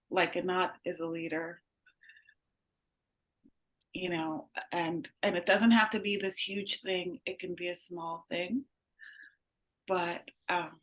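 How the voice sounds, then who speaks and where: A woman co-hosting a group chat on a video call, speaking gently and haltingly with many fillers. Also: lowish voice, poor audio. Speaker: co-host.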